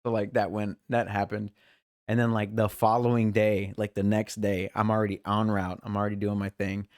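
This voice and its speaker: A podcast co-host speaks in a lowish, slightly mellow voice with a flat delivery at normal speed. In casual chat he rambles through long stories about his work week, mimicking coworkers as he quotes them. The studio recording is clean, with no echo.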